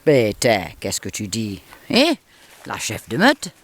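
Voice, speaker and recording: A man's voice: fairly low pitch, wildly swooping pitch, slow, fairly bright tone, slightly rough. Man cooing sing-song to his dogs outdoors. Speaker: dog owner filming a home video. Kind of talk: casual baby talk to dogs. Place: outdoors by a lake.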